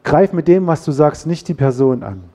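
A man preaching a sermon, lively, acting out quarrels in quoted voices. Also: on the high side, normal speed. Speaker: pastor.

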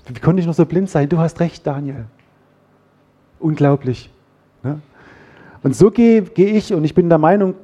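A man preaching a sermon, lively, acting out quarrels in quoted voices. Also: on the high side. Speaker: pastor.

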